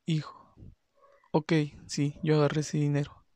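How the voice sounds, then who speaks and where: A man's voice: a little high, completely flat delivery, warm tone, no room sound, natural voice. A man voicing a rebellious teenage son who talks back dismissively. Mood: defiant. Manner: defiant, dismissive, quick.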